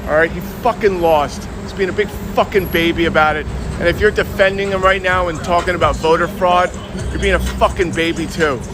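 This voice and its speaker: Man, high voice, angry rant, swearing, clear music behind. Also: steady tone, brisk.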